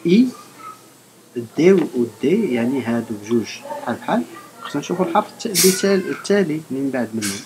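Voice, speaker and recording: A woman's voice: low voice, sing-song, rapid-fire, darkish tone, a little hiss or hum, poor audio. A woman with a Moroccan accent teaching a primary school French lesson, patiently spelling words out letter by letter.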